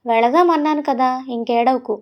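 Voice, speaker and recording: A woman's voice: high voice, moderate pace, lo-fi sound, natural voice. Woman voicing a pressing young husband. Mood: soothing. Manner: pressing, demanding questions. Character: young husband, brusque but caring.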